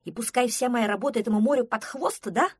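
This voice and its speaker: A panicky male woodland creature from a storybook, loud, breathless and frantic, as a woman puts him on. His voice is husky and dry. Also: a little high, fast talker, no room sound, pitched above the performer's own voice. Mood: indignant. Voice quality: yelling, breathless.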